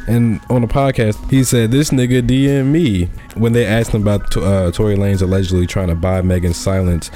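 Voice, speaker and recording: Keep it loose and slangy, a man chatting on his own podcast, warm and low. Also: steady tone, fairly quick, hardly any pauses, faint music behind. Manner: laid-back, slangy, laughs often. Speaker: podcast host. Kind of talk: casual podcast chat.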